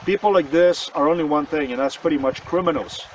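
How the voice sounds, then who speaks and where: A man's voice: fairly high pitch, brisk, a little hiss or hum. A man from Slovenia, telling his own story in an earnest, insistent way that often circles back and repeats itself. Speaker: vlogger. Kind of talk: personal monologue to camera. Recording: voice distant from the mic.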